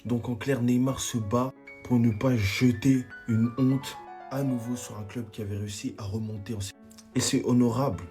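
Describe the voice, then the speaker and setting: A man's voice: mid-range voice, fairly even intonation, moderate pace, warm tone. A man giving casual football commentary in a self-deprecating tone before signing off to his viewers. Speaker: football video creator. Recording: music playing behind.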